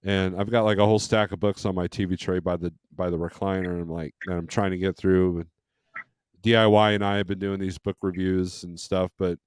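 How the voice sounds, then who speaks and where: Speaking briskly in a deep, level voice, the American host trades stories in an informal open forum. He is a truck driver and dispatcher in his fifties from California, and the studio-quality recording is dry, clean, and a little mellow.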